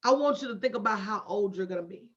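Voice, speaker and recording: Here a motivational business coach in her late 40s talks fast and animatedly in a mid-range voice on her livestream. She addresses her live online audience directly in a folksy way, with emphatic, preacher-like repetition. The recording has a dull, lo-fi livestream quality.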